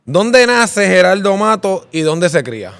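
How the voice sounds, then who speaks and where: A man hosting a relaxed sit-down interview, his voice smooth and clear and sitting a little high. He sounds upbeat and keeps tossing in a quick questioning filler as he talks. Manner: upbeat, repeats "¿verdad?" as a filler. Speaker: interviewer host. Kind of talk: casual interview.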